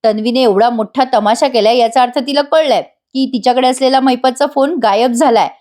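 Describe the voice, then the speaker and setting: A woman's voice: on the high side, brisk, darkish tone, lightly acted. A woman voicing a thoughtful young husband who puzzles over a court case, in a serial retold as a story.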